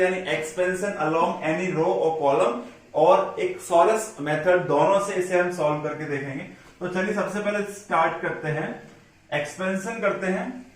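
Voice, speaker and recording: A man's voice: high-pitched, a bit bright. Male teacher, patient step-by-step explainer, recorded far off the mic. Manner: step-by-step explaining, addressing students as children. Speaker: maths teacher. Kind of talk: classroom lesson. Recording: echoey room, voice from off-mic.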